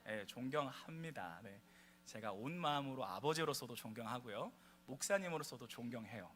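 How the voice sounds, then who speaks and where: Animated young Korean pastor preaching. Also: male voice, medium pitch, moderate pace, a little hiss or hum. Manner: animated, asks the congregation questions and answers them. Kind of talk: sermon. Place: church sanctuary.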